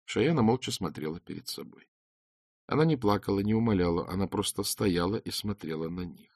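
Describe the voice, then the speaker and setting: A man narrating an audiobook in a calm, measured reading voice. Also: sits low, no room sound, studio quality. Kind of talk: scripted narration.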